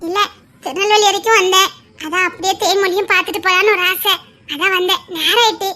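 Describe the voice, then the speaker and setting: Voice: extremely high pitch, fairly even intonation, fast talker, bright, forceful tone. A performer playing an emotional young woman with a Tirunelveli Tamil accent, who pleads with her friend and teases her.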